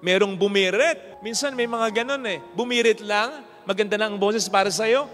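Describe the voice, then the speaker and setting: Emphatic, high-voiced priest preaching. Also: male voice, normal speed, a bit bright. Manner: emphatic, preaching with rhetorical questions. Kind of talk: sermon. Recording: long hall reverb, faint music.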